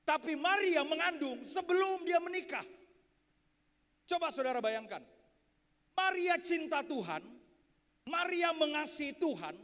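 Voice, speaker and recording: Very high-voiced joking preacher in a hall. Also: male voice. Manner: animated and joking, addressing the audience as sir. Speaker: pastor. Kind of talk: lively sermon with storytelling. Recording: echoey hall.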